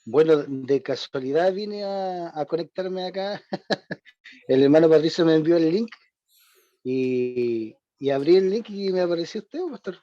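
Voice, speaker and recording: A man with a Chilean Spanish accent introduces himself to a church class over a video call. He rambles and restarts often. His voice is mellow, and the call audio sounds dull and dry. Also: fairly high pitch, expressive, unhurried, no room sound. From southern Chile. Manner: rambling, hesitant, with many restarts and soft laughs. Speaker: church member greeting the class.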